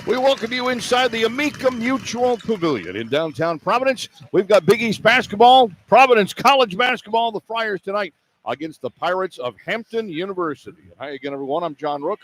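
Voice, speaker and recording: With a high-pitched, slightly bright voice, an American man gives animated, somewhat quick play-by-play radio commentary. He's broadcasting live from an indoor sports arena, and the noise and ambience of the venue come through clearly.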